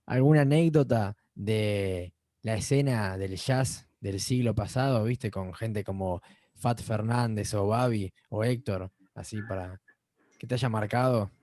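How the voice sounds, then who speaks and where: A man's voice: on the low side, unhurried, dark tone, no echo. A man in the audience politely asks a question on a video call. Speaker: audience member asking a question.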